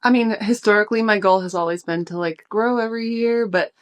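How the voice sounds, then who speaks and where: A woman's voice: mid-range voice, brisk. A young woman, a food blogger, answering interview questions in casual chat, a little out of breath. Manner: relaxed, thoughtful, many fillers. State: slightly out of breath.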